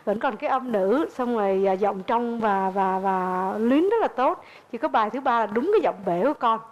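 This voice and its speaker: A woman gives a judge's feedback, methodically explaining what she heard. Her voice sits a little high. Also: lively intonation, moderate pace, muffled recording. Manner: explaining, analytical. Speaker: talent show judge. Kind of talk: giving feedback.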